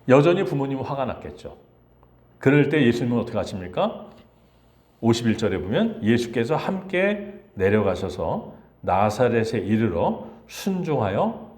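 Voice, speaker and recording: A middle-aged man preaching a conversational Sunday sermon as pastor, lively and full of rhetorical questions to the congregation. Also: on the high side. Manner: acts out quoted lines in changing voices.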